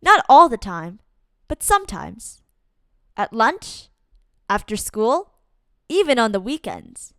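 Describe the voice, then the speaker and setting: A woman reading a children's picture book aloud as a storyteller, in an expressive, deliberate and dramatic way. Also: fairly high pitch, dry recording, clean studio sound. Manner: deliberate, dramatic delivery with acted-out exclamations. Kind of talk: expressive read-aloud storytime narration for kids.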